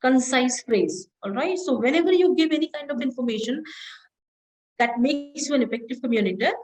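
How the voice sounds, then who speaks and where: A woman, an associate professor giving a classroom lecture on presentation skills, checking in often with "all right?" and slowing down to stress key words. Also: high-pitched, a little mellow, poor audio. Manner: instructive, repeats "all right?" to check understanding.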